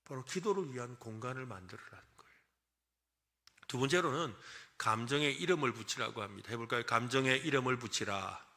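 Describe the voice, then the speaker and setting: A man's voice: mid-range voice, animated, brisk, sharp tone. A male pastor preaching at a church service, leading the congregation in counting and repeating phrases and acting out feelings. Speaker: senior pastor. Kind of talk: sermon with call-and-response.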